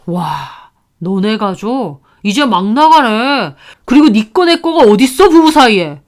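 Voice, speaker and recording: A woman's voice: fairly high pitch, sing-song, unhurried. A woman voicing a stubborn husband who answers in a dismissive, defiant way in a spoken drama story.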